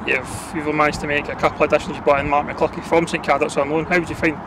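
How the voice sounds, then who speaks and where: A man interviewing a football manager for club TV, asking brisk questions. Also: on the high side, flat delivery. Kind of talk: post-match interview questions. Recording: outdoor noise with passing traffic.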